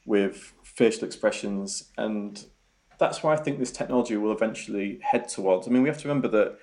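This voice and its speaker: Guesting as a robotics researcher, this young Yorkshire-accented man stumbles through interview answers with ums and repeated words. He speaks a little fast at a fairly low pitch, with a darkish tone.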